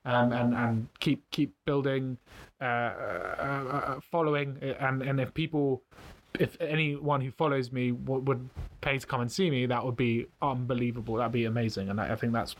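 A young man, a stand-up comedian, chatting in an interview in a hesitant way with many restarts and quick laughs. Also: medium pitch, steady tone. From Britain. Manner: hesitant, full of fillers and restarts, laughs often. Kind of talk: casual interview chat.

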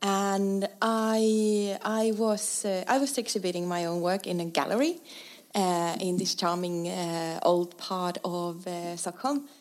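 A woman's voice: on the low side, fairly even intonation, slow pace. A young woman from Finland, a designer guest, telling her story in a casual interview with lots of fillers, restarts and laughter. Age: young adult.

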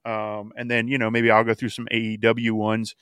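Clear-voiced man in casual chat. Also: lowish voice, completely flat delivery, moderate pace, fairly bright tone, no room sound, studio quality. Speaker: podcast co-host.

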